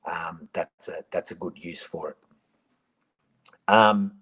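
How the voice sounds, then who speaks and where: A man's voice: low-pitched, slow pace, a bit bright, slightly rough, poor audio. A man answering viewer questions on a casual live stream, rambling with many restarts and ums.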